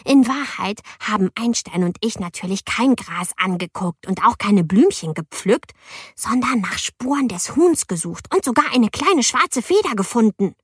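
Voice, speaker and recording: This studio-quality, dry recording features a woman whose husky voice sits on the high side, speaking at normal speed. She voices an indignant ten-year-old girl narrating her misadventures in the first person for an audiobook, expressive, youthful and lively in her exasperation.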